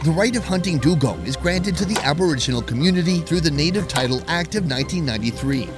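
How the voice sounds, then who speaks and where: A man's voice: a little high, animated, fast. A man reading scripted narration in the manner of a nature documentary. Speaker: show host and narrator. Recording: loud music under narration. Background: music.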